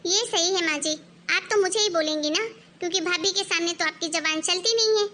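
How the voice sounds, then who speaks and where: A woman's voice: extremely high pitch, a little fast, pushed and bright, slight background noise. A woman voicing a touchy young daughter-in-law who complains that she is always passed over. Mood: aggrieved. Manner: complaining, aggrieved.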